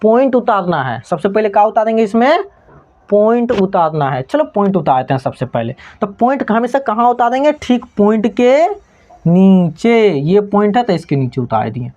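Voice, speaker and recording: Woman math teacher, Bhojpuri-tinged Hindi, very animated pitch, keeps checking that students follow, dull lo-fi sound. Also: moderate pace. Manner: keeps checking understanding with repeated questions. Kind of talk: classroom math lesson. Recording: slightly dull lo-fi recording.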